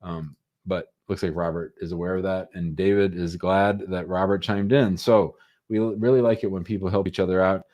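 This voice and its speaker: The audio is dull as a man with a low-pitched, darkish voice speaks at a moderate pace in a steady tone. He hosts a live call-in advice show on immigration law, chatting casually and reassuring callers with short, informal answers.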